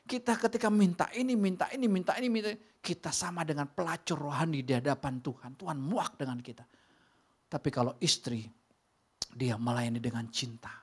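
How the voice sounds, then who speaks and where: Animated preacher. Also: male voice, on the high side, slightly rough. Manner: animated preaching, swinging from loud calls to soft near-whispers. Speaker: pastor. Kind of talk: sermon. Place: church sanctuary.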